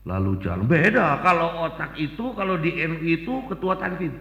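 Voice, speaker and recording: A man's voice: a little high, lively intonation, normal speed, sharp tone. A man giving a humorous sermon, joking and telling stories full of voices, in an echoey hall. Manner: joking, storytelling with many voices. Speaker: preacher.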